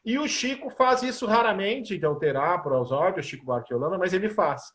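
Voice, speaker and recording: Animated man, composer. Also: high-pitched, brisk. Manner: animated storyteller, sings snippets of lyrics. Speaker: musician and composer. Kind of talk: casual interview talk.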